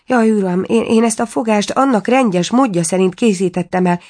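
A woman's voice: mid-range voice, a little mellow, voice pushed up, natural voice. Woman playing a trembling little dwarf cook. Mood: pleading. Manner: pleading, trembling. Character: small timid male dwarf cook.

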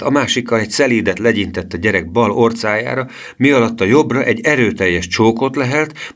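Male storyteller, very low voice, steady reading. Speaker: audiobook narrator. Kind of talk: children's book reading.

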